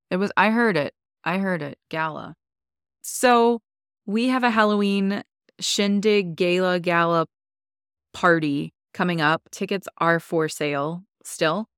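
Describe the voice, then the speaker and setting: A woman's voice: lowish voice, gravelly, fairly bright tone, smooth, no echo, clean studio sound. A young adult woman, co-hosting a podcast in casual, enthusiastic chat full of "like". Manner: chatty and enthusiastic, many likes. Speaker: podcast co-host.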